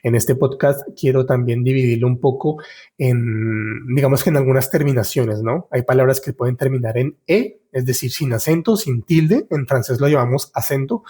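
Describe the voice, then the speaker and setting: A male teacher records a podcast lesson in a mellow, somewhat dark voice at a middle pitch for a man. He explains patiently, step by step, and says example words slowly and more than once. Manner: addresses the listener as a student. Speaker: French teacher.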